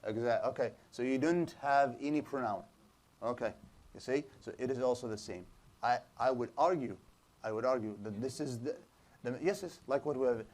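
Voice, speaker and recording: In a small lecture room equipped with a projector screen, an Islamic studies teacher explains material to his class in a medium-pitched, slightly mellow voice. He frequently restarts and asks the students rhetorical questions.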